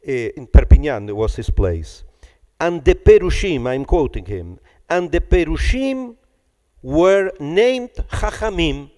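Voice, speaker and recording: A man giving an academic conference lecture, partly reading from a text, pausing often with "eh" and "uh" and repeating words as he searches for them. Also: a little high, sing-song, dark tone, in a large hall. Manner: halting, with frequent "eh" and "uh" fillers and repeated words.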